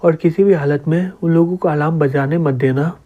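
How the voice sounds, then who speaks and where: A man's voice: fairly high pitch, fairly even intonation, brisk, mellow, lightly acted. A man reading the part of a bold young female squad leader in a comic recap. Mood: commanding. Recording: dull lo-fi recording.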